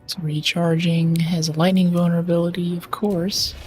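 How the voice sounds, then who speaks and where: A woman streamer chats her way through a video game, thinking aloud with plenty of fillers. Her voice sits a little low. Faint game music runs underneath. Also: level tone, normal speed, a little mellow. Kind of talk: casual gameplay commentary.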